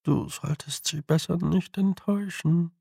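A man's voice: on the high side, measured pace, vocal fry, darkish tone, no echo, pitched above the performer's own voice. A man voicing a dry, knowing talking toad who gives wry, muttered advice. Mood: explaining.

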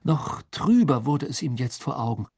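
Guy narrating an audiobook, measured, kinda husky, dry sound. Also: mid-range voice, sing-song, darkish tone, no room sound. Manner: measured storytelling. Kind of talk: scripted narration.

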